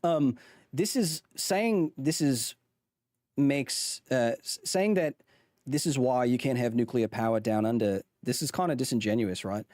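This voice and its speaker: An unhurried man of medium pitch and darkish tone does casual livestream commentary on a chart, faking an Australian accent as he rambles, restarts and corrects himself often. The recording is dry and clean, studio grade.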